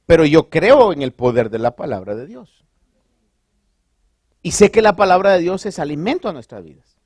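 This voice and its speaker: A man preaching a sermon as pastor, conversational and animated, asking the congregation rhetorical questions and dropping in English phrases. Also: a little high, moderate pace, dry recording, clean studio sound.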